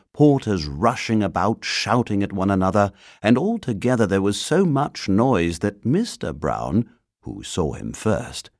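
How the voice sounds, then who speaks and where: A man reading a children's storybook aloud in an expressive storytelling manner. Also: low voice, no echo, clean studio sound. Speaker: narrator.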